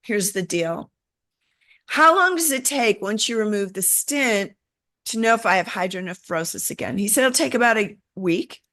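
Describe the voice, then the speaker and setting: A middle-aged woman shares a personal story in an interview. She talks in an animated way, taking on the voices of the people she quotes as she goes. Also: medium pitch, moderate pace. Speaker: interview guest.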